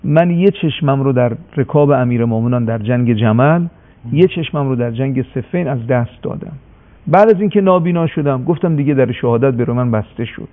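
A man's voice: mid-range voice, lightly acted. A man voicing a blind, devout old man with defiant, impassioned speech on a radio broadcast. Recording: tinny phone-like radio broadcast.

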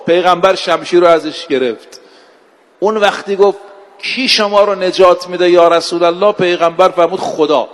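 A man giving a sermon, telling religious stories with slow, emphatic delivery and dramatic pauses. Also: high-pitched, big-room sound. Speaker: preacher. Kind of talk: sermon storytelling.

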